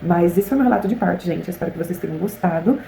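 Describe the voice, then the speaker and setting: A young Brazilian woman vlogger telling a personal story in a chatty, animated way, often addressing her viewers directly. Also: lowish voice, rapid-fire, vocal fry. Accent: Brazilian Portuguese. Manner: animated, chatty, frequent "gente" and "né" asides. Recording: echoey room with faint hiss.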